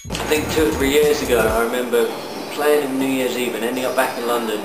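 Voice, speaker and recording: A man from New Zealand, a music producer, answering interview questions in a relaxed, rambling way with many fillers. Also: mid-range voice, quick pace. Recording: roomy, distant mic with loud music.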